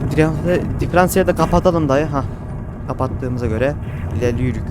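A man giving excitable, swearing commentary while playing a truck driving game, his mouth numb from a dental injection. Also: a little high, brisk, very noisy. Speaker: gaming streamer. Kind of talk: casual gameplay commentary.

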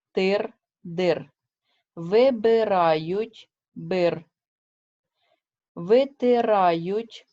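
A woman teacher leads a remote lesson slowly and carefully, drawling and stressing each example word so it sinks in. She keeps pausing to ask short questions that check her students are following. Her middle-pitched, slightly mellow voice comes through a dull, lo-fi recording.

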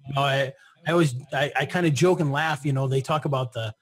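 A man's voice: medium pitch, fast talker, slightly rough. A man speaking as an interview guest in a casual conversation, often repeating his first words and laughing.

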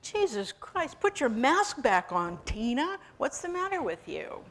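A man's voice: high-pitched, sing-song, normal speed, fairly bright tone, full character voice. A woman voicing an exasperated male bank robber scolding his partner. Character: jumpy man bank robber, henchman.

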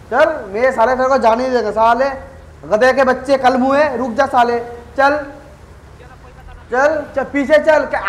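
A man giving live gameplay commentary as a gaming YouTuber, excitable and trash-talking rivals with swearing. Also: very high-pitched, roomy sound, slight background noise, poor audio.

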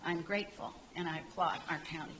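A woman's voice: fairly low pitch, steady tone, a little fast, a bit bright, a little hiss or hum, low-quality recording. An older woman giving a formal public comment from a podium in a council chamber, reading a prepared statement. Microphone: podium microphone.

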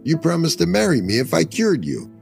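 A man's voice: fairly high pitch, wildly swooping pitch, fairly quick, vocal fry, darkish tone, pitched above the performer's own voice, exaggerated voice. A man voicing a poor, proud glassblower who speaks earnestly and eagerly, over faint music.

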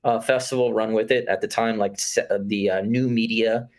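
A man's voice: lowish voice, steady tone, normal speed. A man in his thirties from Florida, a guest filmmaker talking casually over a video call, laid-back and full of fillers. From Florida, USA. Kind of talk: casual conversation. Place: room with curtained window.

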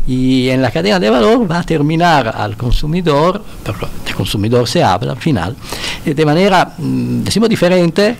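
A man's voice: medium pitch, creaky, a little hiss or hum. A middle-aged man from Italy speaking Spanish with a northern Italian accent, a guest in a studio interview, searching for words with many restarts. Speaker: guest expert. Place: indoor radio studio with bookshelves. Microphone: studio mic on stand.

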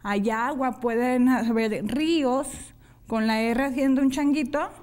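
Woman teaching sign language, high voice. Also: fairly even intonation, a little mellow. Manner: slow, step-by-step explanation of hand signs. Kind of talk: televised classroom lesson.

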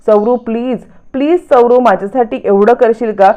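A woman's voice: fairly high pitch, moderate pace, narrow, tinny audio, natural voice. A woman voicing a scheming young woman who pleads and wheedles to get a favor. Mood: pleading.

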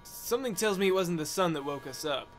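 Guy doing a squeaky boastful goofball captain, rambly and jumpy, game music under it. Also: brisk. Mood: puzzled. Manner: excitable, rambling, yelps. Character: bumbling, boastful male ship captain. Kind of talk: machinima comedy voice acting.

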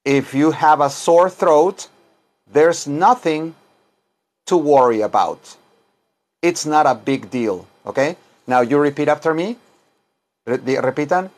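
An expressive middle-aged man, whose voice sits slightly high for a man, teaches English informally in Spanish and English. The English teacher and self-styled chaplain speaks very slowly, repeating phrases and spacing words as if dictating, in a small wood-paneled room indoors.

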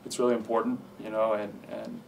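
A man in his thirties, a head coach, answering press questions in a measured way with many fillers and restarts, in an indoor press room. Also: lowish voice, level tone, vocal fry, recorded from a distance, a little hiss or hum, low-quality recording. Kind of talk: postgame press conference answers.

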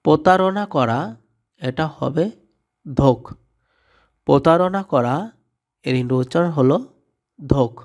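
A man's voice: medium pitch, slow pace, pauses often, a little mellow. A man teaching a vocabulary lesson, saying each word and its translation and then repeating the pair. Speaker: language tutor.

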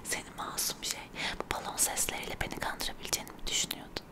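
A young woman doing ASMR chat in a quiet, hushed late-night whisper with a teasing manner. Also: racing. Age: young adult. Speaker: ASMR creator and game contestant. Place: small neon-lit room, indoors. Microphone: close desk microphone with foam cover.

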